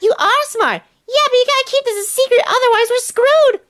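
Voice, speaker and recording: A woman's voice: extremely high pitch, fairly quick, fairly bright tone. A woman acting out a stuffed-animal story, switching between silly character voices.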